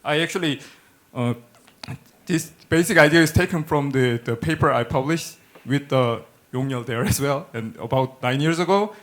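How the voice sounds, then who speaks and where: A middle-aged academic researcher with a Korean accent presents a technical conference lecture with slides from a podium in an indoor lecture hall. His medium-pitched delivery is halting, and he often repeats words while searching for phrasing.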